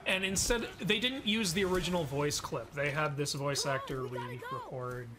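A man's voice: a little high, moderate pace, crowd noise. A young man hosting a game stream, chatting and joking casually with laughs. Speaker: streamer host. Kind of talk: casual let's-play chat.

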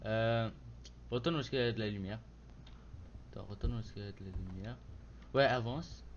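A man's voice: on the low side, a little fast, dull audio. Offhand male backseat gamer, faint noise. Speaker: gaming companion giving directions. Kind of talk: casual horror game chat. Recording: noisy home gaming recording.

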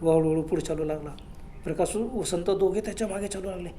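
A man narrating a horror story in a hushed, suspenseful way. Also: high voice, brisk, a little hiss or hum.

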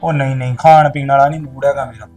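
A man's voice: mid-range voice, flat delivery, rapid-fire, darkish tone, soft background music, lightly acted. An actor playing a young soldier husband who answers his wife in a curt, guarded, dismissive way.

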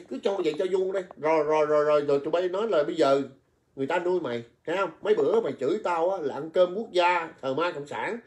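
A man's voice: sits high, a little mellow. Coarse ranting man. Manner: coarse, insulting, repetitive ranting. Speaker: livestreamer. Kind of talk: heated livestream rant.

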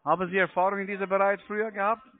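A man's voice: sits high, little pitch movement, racing, no room sound. A man from the United States who is not a native German speaker, making a cold sales call in broken German in a pushy, insistent way. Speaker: cold caller selling online trading. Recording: tinny phone line.

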